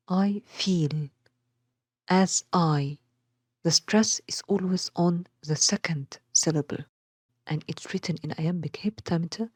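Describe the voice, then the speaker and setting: Egyptian woman teacher, lowish voice, dry close recording, methodical syllable-by-syllable explainer. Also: dry recording. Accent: Egyptian Arabic. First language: Arabic. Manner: spells out stress patterns slowly, syllable by syllable. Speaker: literature teacher. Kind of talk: bilingual explanatory lesson.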